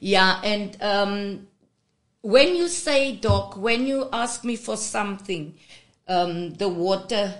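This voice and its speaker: A woman's voice: mid-range voice, slow. A woman with a South African accent, a guest patiently teaching language on a radio show and spelling out letters. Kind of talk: radio interview lesson.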